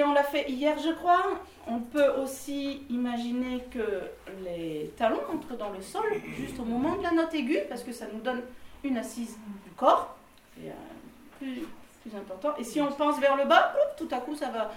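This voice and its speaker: In a room full of singers, a woman runs a choir workshop, explaining vocal technique in a lively way, laughing often and singing short examples. Her voice is high-pitched. A distant mic picks her up in an echoey space, with background noise.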